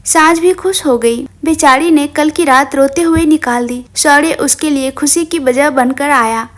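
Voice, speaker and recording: A woman's voice: high voice, unhurried. A woman narrating an emotional story, reading it expressively as a storyteller.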